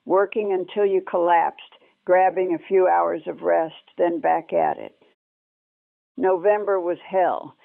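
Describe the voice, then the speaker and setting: Her lowish, gravelly voice keeps fairly even intonation as this former war nurse recounts her memories, somber and measured, in short clauses. It's a first-person spoken memoir on a tinny, dry old recording with no echo, like archival radio.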